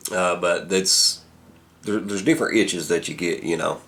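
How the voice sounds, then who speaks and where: A man giving a casual product review, halting as he thinks aloud. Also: deep voice, gravelly, fairly bright tone. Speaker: pipe tobacco reviewer.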